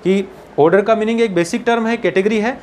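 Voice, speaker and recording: A man teaching biology for an entrance exam, mixing Hindi and English, slowing down to dictate textbook lines and often checking in with his students. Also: high-pitched, darkish tone, slight background noise. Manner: slows down to dictate English textbook lines, keeps asking "ठीक है ना". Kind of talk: exam-prep lecture, Hindi mixed with English.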